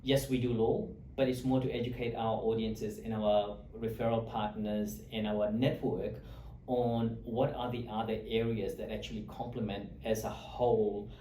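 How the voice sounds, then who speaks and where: A chatty Australian lawyer hosts an interview chat in an office or meeting room, speaking at a normal speed in a low, mellow voice with little pitch movement. He's friendly and talkative, with frequent fillers and restarts. The room is echoey, the mic sits at a distance, and there's a slight hiss or hum.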